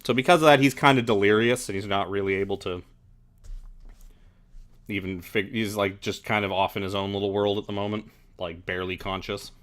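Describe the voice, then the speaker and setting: A man with a fairly low voice running a tabletop game. His narration is casual and loose, peppered with "like" and restarts, describing the scene to his players. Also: fairly even intonation, a little fast, a bit bright. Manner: casual, filler-heavy with frequent "like". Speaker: game master.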